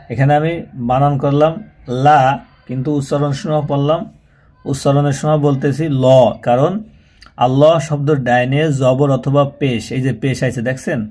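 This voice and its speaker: A man's voice: medium pitch, darkish tone. Guy teaching quran spelling, patient, breaks every word down. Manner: slow drawn-out recitation alternating with plain explaining. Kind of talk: spelled-out Quran reading lesson.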